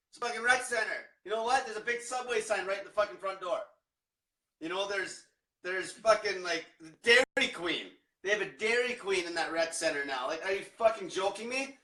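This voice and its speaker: Casting: young male diet coach, blunt profane ranter, high voice, echoey room, distant mic. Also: sharp tone. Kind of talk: livestream rant.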